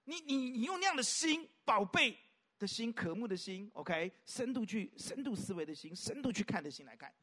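Animated male pastor with a bright, lively voice. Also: high-pitched, normal speed. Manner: animated, rhetorical questions, swings from loud to soft. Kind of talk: sermon.

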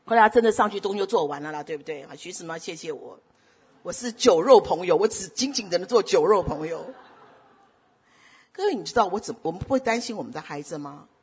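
Talking fast in a lowish, expressive voice, a middle-aged woman delivers a sermon that alternates between soft storytelling and loud exhortation. Again and again she poses rhetorical questions to the congregation.

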